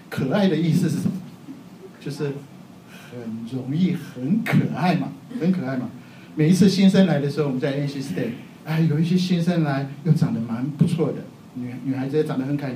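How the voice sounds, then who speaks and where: A middle-aged man preaches a sermon in a relaxed, joking manner, laughing often at himself. His voice sits fairly high and sounds mellow. He is picked up from a distance in a roomy, echoing hall. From Taiwan. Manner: chatty, self-mocking, laughs often. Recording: echoey hall, faint background noise.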